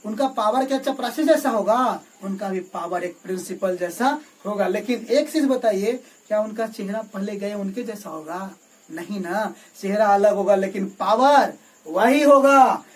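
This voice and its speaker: A man's voice: sits high, normal speed, darkish tone, distant mic, low-quality recording. A male English teacher giving a classroom lecture, asking questions and answering them himself and often checking in with the class. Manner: keeps checking in with "okay?" and "remember". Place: classroom with a board. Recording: voice from away from the mic.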